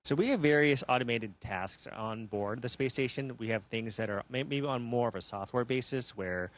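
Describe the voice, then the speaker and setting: A man speaking as an astronaut, giving measured, explanatory answers in a live question-and-answer downlink from a space station. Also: mid-range voice.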